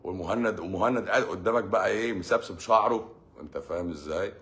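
A deep, fast, fairly bright male voice belongs to an Egyptian doctor with an Egyptian Arabic accent who hosts his own channel. He talks casually to his audience in a monologue, offering sarcastic, mocking advice.

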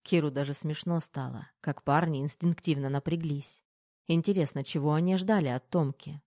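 A woman narrating a novel in an even, unhurried storytelling manner. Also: deep voice, no echo, studio quality. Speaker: audiobook narrator. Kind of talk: scripted narration.

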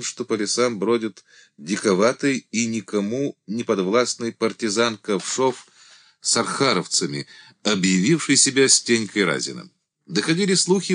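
A man reading a novel aloud as an audiobook narrator, in a measured storytelling manner. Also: medium pitch, fairly bright tone, no room sound, studio quality. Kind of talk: scripted literary narration.

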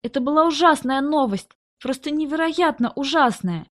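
Woman, fairly high voice, first-person audiobook narration, tense even storytelling. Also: normal speed.

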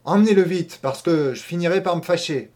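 A man's voice: a little high, animated, normal speed, close to an everyday voice. A man reading an audiobook, voicing a pompous, irritable village mayor who barks orders scornfully. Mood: scornful, commanding. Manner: loud, scornful, commanding.

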